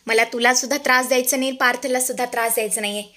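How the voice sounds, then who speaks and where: Casting: a woman playing a firm, proud mother-in-law, fairly high voice. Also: fairly even intonation, rapid-fire, pushed and bright. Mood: remorseful. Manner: firm, then apologetic. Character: stern mother-in-law turned remorseful.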